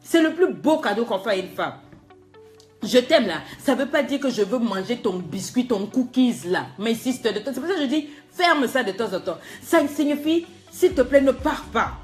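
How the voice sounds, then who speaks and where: A woman's voice: fairly high pitch, animated, normal speed, few pauses, soft background music. A woman life coach preaching to her viewers, scolding them emphatically and firing rhetorical questions.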